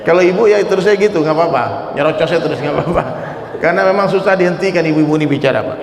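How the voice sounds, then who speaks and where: Gravelly-voiced preacher in an echoey hall. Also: male voice, fairly high pitch, rapid-fire. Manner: animated, jokey, coaxes the crowd to repeat. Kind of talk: sermon with Q&A.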